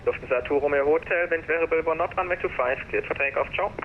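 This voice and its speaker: Brisk male controller over aviation radio. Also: on the high side. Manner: brisk, matter-of-fact. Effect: heard over aviation radio. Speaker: air traffic controller. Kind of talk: clipped radio phraseology. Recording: muffled radio audio with faint hiss.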